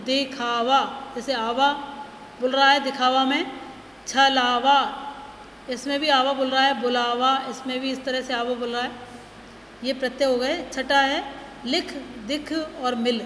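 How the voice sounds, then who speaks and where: Slow, high-voiced woman teaching in an echoey room. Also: fairly bright tone. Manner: slow, deliberate, lists words one by one. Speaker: school teacher. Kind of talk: grammar lesson. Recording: echoey room with long reverb, faint noise.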